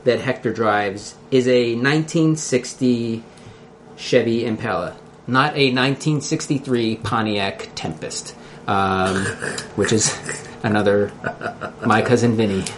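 A man's voice: mid-range voice, measured pace. Philadelphia-accented man hosting, noisy room. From Philadelphia area, United States. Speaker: podcast host. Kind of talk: casual podcast hosting.

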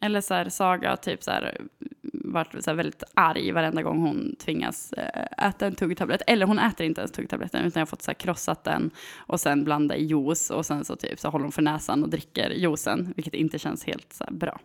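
A woman in her thirties telling a story in a casual, animated chat, with lots of fillers and hesitations. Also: low voice, gravelly. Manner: animated, full of fillers, acts out quoted voices.

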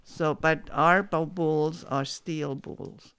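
A woman in her seventies reminiscing in an oral history interview, halting with many restarts. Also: low voice, steady tone, fairly bright tone, clear, resonant tone, no room sound. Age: 70s.

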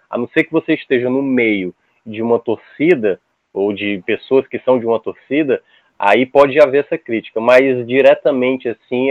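A podcast guest from Ceará, Brazil, joins a casual podcast chat over a dry, tinny, phone-like line with no room sound. His voice is mid-range. He speaks haltingly, with many restarts and repeated words.

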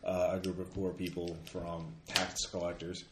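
A man running a tabletop game as game master, narrating casually in a halting, hesitant way. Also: sits low, completely flat delivery. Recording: echoey room, noisy, clicks.

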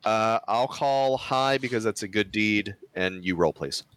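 Deep-voiced hesitant male player. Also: unhurried, fairly bright tone, no room sound. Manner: hesitant, thinks aloud with fillers. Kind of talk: casual tabletop game chat.

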